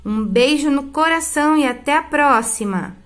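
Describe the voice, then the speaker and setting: A woman's voice: high-pitched, fairly bright tone. A woman with a Brazilian accent, a school Portuguese teacher giving a recorded remote lesson, stretching out example words and checking in often with "tá?". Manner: affectionate, drawn-out example words with frequent "tá?" check-ins.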